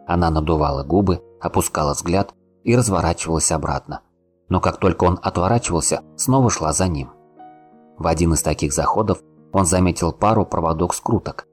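A man narrating an audiobook in a calm, unhurried reading. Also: low-pitched. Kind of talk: scripted narration.

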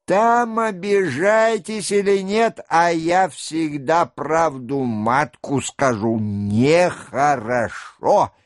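A man's voice: fairly high pitch, drawn-out words, few pauses, no room sound, studio quality. An adult man reading a book aloud and voicing an older, stern male cavalry staff-captain who reproaches a young officer bluntly. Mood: reproachful. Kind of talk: audiobook character reading.

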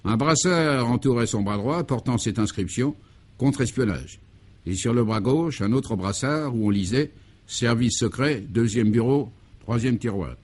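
A man narrating a comic radio serial with a deadpan manner and a voice of ordinary, middle pitch. He plays with nonsense wordplay and stumbles through mock corrections. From France. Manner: deadpan, absurd wordplay, playful self-corrections. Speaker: narrator and author.

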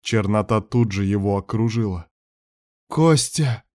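A man narrating a fantasy novel as an audiobook in a steady storytelling delivery. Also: mid-range voice, normal speed.

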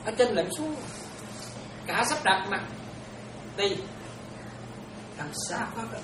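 A woman's voice: mid-range voice, expressive, takes it slowly. A Buddhist nun gives an informal dharma talk, chatting and often checking that her listeners are following. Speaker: Buddhist nun teaching disciples. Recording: roomy, distant, noisy room recording.

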